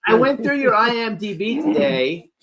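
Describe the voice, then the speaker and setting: A man's voice: very high voice, animated, normal speed, a crowd in the background. A man hosting a casual interview show, enthusiastic and informal, swearing freely as he chats. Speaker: talk show host.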